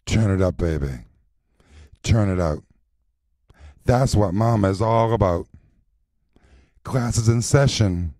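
A man performing recorded voice lines as a sassy, confident drag mother teaching a class, in a slow rhythmic chant with sultry stretched endings. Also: on the low side, mellow, no room sound, studio quality.

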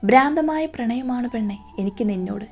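A woman's voice: on the high side, lively intonation, fairly quick, soft background music. Woman voicing a brooding young boss in love. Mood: tender. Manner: tender, possessive declarations.

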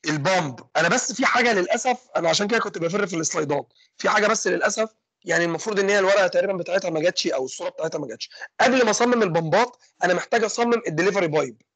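Fast-talking Egyptian man lecturing. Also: sits high, a bit bright, breathy edge, no echo. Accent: Egyptian Arabic. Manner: fast, asks and answers his own questions. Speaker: engineering lecturer. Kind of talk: online lecture with student questions.

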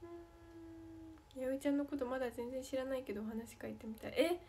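High-voiced playful Kansai woman. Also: steady tone, fairly quick, warm tone, slight background noise. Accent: Kansai Japanese. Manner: playful, chatty, reads comments aloud and answers. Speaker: idol livestreamer answering fan comments. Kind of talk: casual livestream chat.

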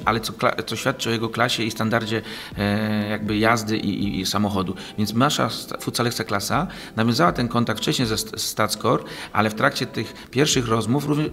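A man's voice: mid-range voice, gravelly, a bit bright. A man in his forties, a guest in an interview, answering at length with many fillers and restarts, recorded on a desk mic in a small office studio. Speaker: league president, guest. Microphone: desk mic on boom arm.

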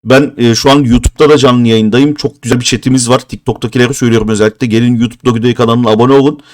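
A man's voice: medium pitch, steady tone, rapid-fire. A man in his thirties streaming a mobile game live, talking casually and growing exasperated and cursing as he goes. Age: 30s. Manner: frustrated, exasperated, swearing in bursts.

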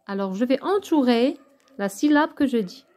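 A woman's voice: fairly high pitch, animated, moderate pace, warm tone. A woman teaching young children step by step, patiently sounding out syllables one at a time and often checking that they follow. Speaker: primary school teacher. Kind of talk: slow, step-by-step remote lesson for young children.

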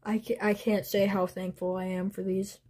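A young woman showing off collectible figures and masks, gushing with excitement and often trailing off mid-sentence. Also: mid-range voice, moderate pace, breathy edge. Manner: gushing, breathless, trailing off and restarting. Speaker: toy collector vlogger. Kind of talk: excited unboxing vlog.

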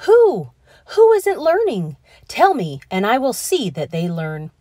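Proud, earnest male school principal for a picture book, played by a woman; emphatic, slow drawn-out stresses, very animated. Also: fairly high pitch, no room sound, studio quality, pitched above the performer's own voice, full character voice. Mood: worried. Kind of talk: children's storybook character reading.

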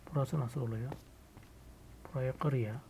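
A Turkish man hosting a casual gameplay video, thinking aloud as he builds and muttering quiet asides to himself. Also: medium pitch, fairly even intonation, moderate pace, gravelly, noisy background. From Turkey. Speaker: gaming YouTuber host.

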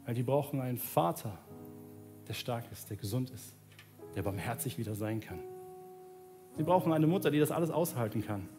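Expressive and speaking at normal speed with long pauses, a man in his thirties preaches earnestly from a large church stage. He shifts between hushed, low passages and raised pleading, closing in prayer, with soft instrumental music underneath.

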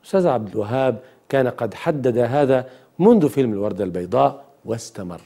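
Warm-voiced male music presenter. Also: medium pitch, lively intonation. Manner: measured, analytical, explanatory. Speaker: host and presenter. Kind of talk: scripted documentary narration.

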